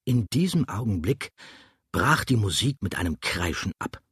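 A man's voice: lowish voice, sing-song, moderate pace, fairly bright tone, husky, no echo, studio quality. A man narrating an audiobook with a dramatic, vivid reading style. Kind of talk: scripted narration.

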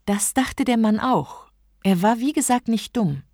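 A woman reading a story aloud, narrating evenly and measured. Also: on the high side, expressive, a little mellow, dry recording, clean studio sound.

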